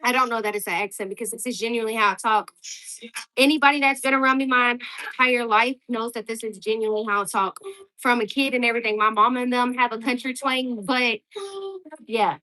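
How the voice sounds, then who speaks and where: Brief: young mom livestreaming from home, high, sharp voice, profane and combative with her chat. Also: steady tone, brisk, poor audio. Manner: profane, confrontational toward commenters; calls out to kids around the house.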